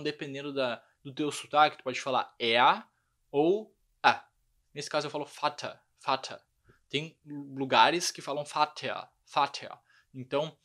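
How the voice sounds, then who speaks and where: A young man giving a lively online language lesson, often checking in with his students. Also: on the high side. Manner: lively explanatory, frequent check-ins. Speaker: language teacher.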